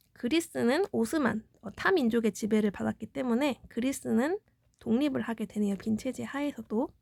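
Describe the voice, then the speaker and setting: A woman's voice: fairly high pitch, gravelly, darkish tone, no room sound. A woman teaching a middle school history exam review, explaining step by step and answering her own questions. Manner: explanatory, poses questions then answers them.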